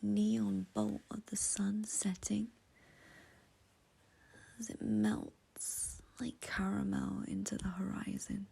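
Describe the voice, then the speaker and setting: Leading a guided meditation, a woman speaks gently and soothingly in a breathy whisper, leaving long pauses. Her mid-range voice stays flat in delivery.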